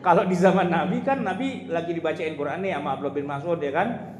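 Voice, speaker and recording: Talking fast in a somewhat high male voice, an Islamic preacher cracks jokes through a casual religious lecture, chatting, laughing frequently, and addressing listeners directly. The hall is echoey, and the ambient noise is loud.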